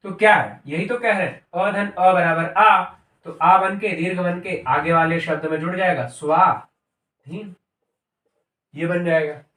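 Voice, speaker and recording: Recorded from afar in an echoey room, a man with a high-sitting, pushed, bright voice teaches Sanskrit and Hindi grammar at normal speed. His classroom-style lesson moves step by step, with terms repeated as he goes and frequent checks of "ठीक है".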